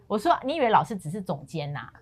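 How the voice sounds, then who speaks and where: A woman's voice: mid-range voice, big pitch swings, fast talker. A middle-aged woman co-hosting a casual talk show, telling stories animatedly and acting out the people she quotes. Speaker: co-host.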